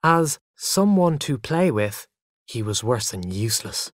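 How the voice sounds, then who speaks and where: A narrator telling a first-person story for English learners in a lively way. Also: mid-range voice, a little slow, no echo, studio quality.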